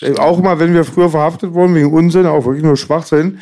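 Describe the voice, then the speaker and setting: A man's voice: on the high side, fairly even intonation, fast, dark tone. A young man in a casual chat among friends, chiming in with short, blunt comments.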